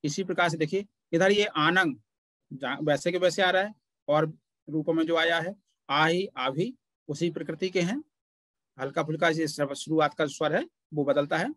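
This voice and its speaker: A man teaching a Pali grammar class, explaining patiently and pausing often to point things out. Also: a little high, a bit bright, dry recording. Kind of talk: online grammar lesson.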